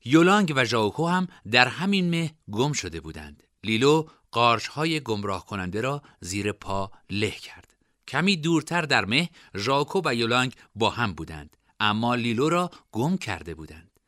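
A man narrating a scripted storybook in an expressive reading style. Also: mid-range voice, no echo, clean studio sound.

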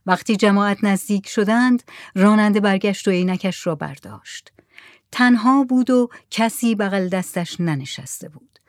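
Soft-voiced woman reading a story. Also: mid-range voice, no room sound, clean studio sound. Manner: soft, often near a whisper. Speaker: narrator. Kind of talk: reading a literary short story aloud.

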